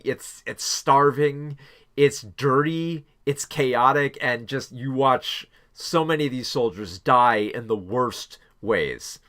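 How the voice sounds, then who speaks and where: Male film reviewer, mid-pitched, loose and chatty with lots of "like" and "um". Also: a bit bright. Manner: rambling, many fillers and restarts. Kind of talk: casual spoken movie review.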